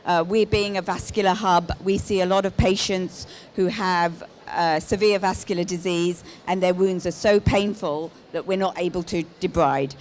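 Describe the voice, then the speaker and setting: A middle-aged woman, a lead clinician, presents live on a handheld mic at an exhibition stand in a large, busy indoor hall. Her voice is fairly low and a little mellow, with fairly even intonation and a moderate pace with few pauses. Background noise from the live hall is clearly audible.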